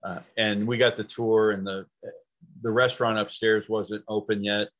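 A man's voice: on the low side, flat delivery, moderate pace. A man hosting a podcast interview, upbeat and enthusiastic as he asks questions. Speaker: podcast host.

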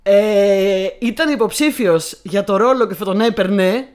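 A woman's voice: mid-range voice, darkish tone. A young woman co-hosting a casual film chat, talking in a chatty, hesitant way with many fillers. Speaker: co-host.

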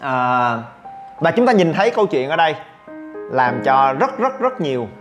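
A man from Vietnam hosts a podcast and tells a story in a casual monologue, with a fairly high voice. He stays animated, exclaims often and acts out what others said. Soft music plays faintly behind him. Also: moderate pace, muffled recording. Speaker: podcast host.

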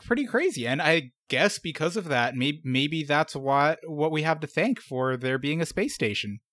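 A man's voice: on the high side, expressive, normal speed, a bit bright, dry recording. A man co-hosting a casual podcast, reading old news items and cracking jokes with some swearing. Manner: jokey, swears, reads news items aloud. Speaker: podcast co-host.

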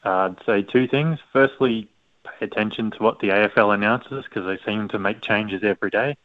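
Lowish man, phone-like sound. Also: fairly quick, no room sound. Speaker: podcast panellist. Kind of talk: casual advice-giving chat. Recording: tinny phone-like line.

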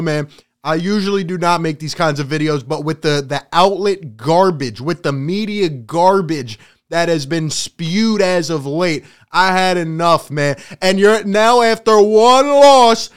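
A man in a casual sports rant, animated and gloating, often laughing. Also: sits high, clean tone. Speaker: sports vlogger.

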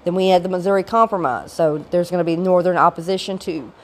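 Getting over a cold, this gravelly-voiced woman teaches an informal recorded history lecture full of explanatory side notes. Her voice sits lowish, her intonation stays fairly even, and she talks fast.

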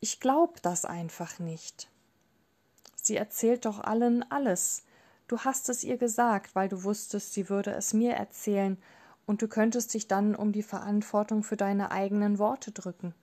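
A woman's voice: mid-range voice, fairly even intonation, a little slow, warm tone, close to an everyday voice. A woman reading the lines of an angry, distraught young father in an audiobook, in a bitter, accusing tone.

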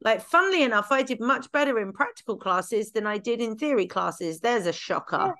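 A woman's voice: fairly high pitch, expressive, moderate pace, a bit bright. A woman hosting a podcast and chatting casually as a dog trainer, self-deprecating and laughing often. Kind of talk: casual conversational chat.

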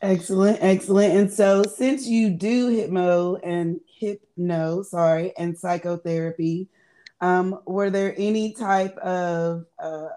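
A woman's voice: lowish voice, mellow. Chatty woman interviewer. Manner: chatty and laughing often, stumbles over words. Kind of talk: casual interview.

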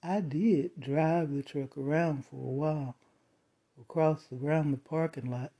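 A storyteller calmly recounting a first-person eerie encounter with measured pauses. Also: mid-range voice, slightly rough. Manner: slow, measured retelling with dramatic pauses.

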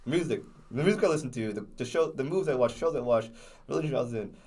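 A man's voice: mid-range voice, animated, rapid-fire, a little mellow, husky. Young male co-host, slight lisp, loose rambling delivery, casual talk. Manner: rambling, many restarts and fillers. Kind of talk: casual chat.

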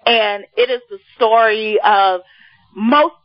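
A woman's voice: fairly high pitch, steady tone, slow, no echo. Dc accent lady hosting a live chat show, gushing and emphatic, dry close sound, bit lo-fi. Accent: Washington, D.C. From Washington, D.C. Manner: effusive, emphatic. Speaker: show host.

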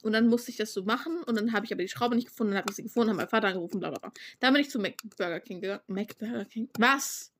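A woman's voice: medium pitch, very fast, hardly any pauses, slight background noise. A teenage girl hosting a podcast, telling a rambling story in casual, slangy chat with crude jokes. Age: teens. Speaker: podcast host.

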